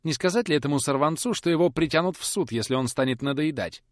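A man's voice: a little high, quick pace, dry recording, voice pushed up, natural voice. Guy doing a grovelly rambling office messenger, voice pushed way up, dry close sound. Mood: fawning. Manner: obsequious, rambling, complaining. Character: fawning middle-aged male office messenger.

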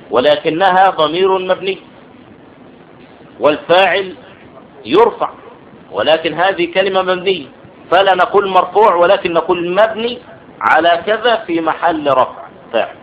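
A man's voice: sits high, moderate pace, pauses often, slight background noise. A man with an Egyptian accent giving a classroom grammar lesson, explaining step by step and often checking that students understand. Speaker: teacher. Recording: dull lo-fi classroom recording.

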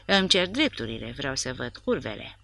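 A woman's voice: a bass voice, very animated, gravelly, bright, forceful tone, no echo, exaggerated voice. A woman voicing a drunk, crude male soldier who talks in a thick, demanding voice, read from a novel. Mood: drunk, belligerent.

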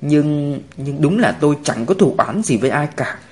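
A man's voice: on the high side, lively intonation, normal speed, natural voice. A man voicing a worried father who speaks hesitantly and defensively.

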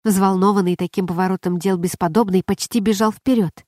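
A woman narrating an audiobook in an even, measured reading voice. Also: medium pitch, no room sound, studio quality. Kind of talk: scripted narration.

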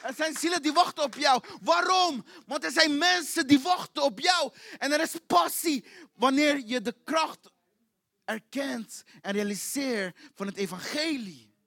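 Impassioned high-voiced male preacher. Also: unhurried, creaky. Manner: repetitive, impassioned preaching with shouted questions. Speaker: pastor. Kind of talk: sermon. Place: church.

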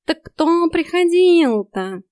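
A woman voicing a cheeky, sly male house cat in an audiobook, with a slow, smug, teasing delivery. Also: extremely high pitch, big pitch swings, darkish tone, no room sound, clean studio sound, voice pushed up, exaggerated voice. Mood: insistent.

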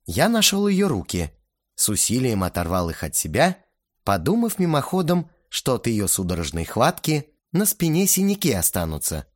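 A male audiobook narrator telling a first-person story with wry, sardonic asides. His pitch rises and falls animatedly, and the recording is dry and close. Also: huge pitch swings, normal speed, no room sound.

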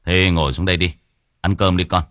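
A man voicing a gruff but soft-hearted middle-aged son with a brusque, scolding manner. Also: sits low, flat delivery, no echo, studio quality. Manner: brusque, scolding, quick to bluster.

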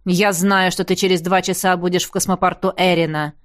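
A woman reading the part of a stern elderly male clan head in an audiobook, curt and commanding, in a lowered voice. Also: level tone, brisk, natural voice.

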